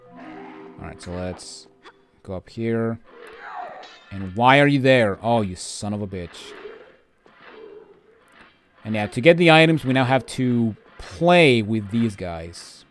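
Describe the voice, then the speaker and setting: A man's voice: mid-range voice, expressive, slow pace, faint music behind. Informal man doing game walkthrough commentary. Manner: informal, grumbling, rambling. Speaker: video game walkthrough host. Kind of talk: casual gameplay commentary.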